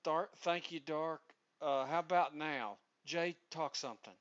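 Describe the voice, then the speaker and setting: Slow-talking Southern man, bright voice. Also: fairly high pitch. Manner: rambling, self-interrupting, laughs at own ideas. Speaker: livestream host. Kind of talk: casual livestream chat. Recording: dull lo-fi stream audio.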